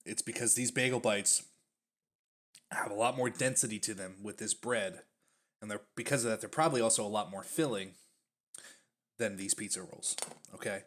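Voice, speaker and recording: A man's voice: on the low side, moderate pace, long pauses, fairly bright tone. A man casually reviewing snack foods on his stream, chatty and full of fillers, sometimes talking with his mouth full. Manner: chatty, uses many fillers, talks while chewing.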